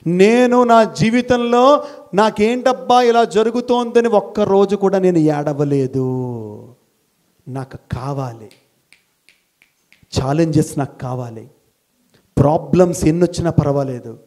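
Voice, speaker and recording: A man giving a motivational talk to college students, animated and teasing, scolding them now and then and dropping English phrases into his speech. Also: high voice, a little slow, pauses often. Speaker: motivational speaker. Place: college hall.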